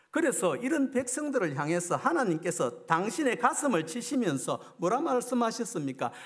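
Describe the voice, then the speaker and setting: Middle-aged male revival preacher with a high-pitched, animated, emphatic delivery built on rhetorical questions. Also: vocal fry, husky. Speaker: guest preacher at a revival meeting. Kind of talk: sermon.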